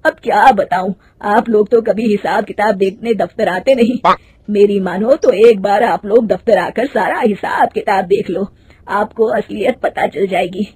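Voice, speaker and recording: A woman's voice: medium pitch, normal speed, a little mellow, slightly rough, dry recording. Woman doing a worried kindly old man. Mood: concerned. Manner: friendly, warning.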